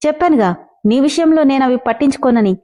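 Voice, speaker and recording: Obsessive young man who mocks and threatens, as a woman storyteller reads him; high pitch, mellow tone. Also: a little fast, natural voice. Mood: taunting. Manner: taunting, possessive.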